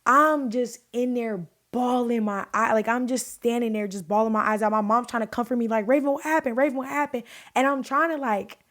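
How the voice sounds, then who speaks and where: A woman's voice: fairly high pitch, normal speed, hardly any pauses. Young woman telling a dramatic storytime. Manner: animated, many fillers, acts out quotes in a raised voice. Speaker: vlogger. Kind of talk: storytime, casual retelling.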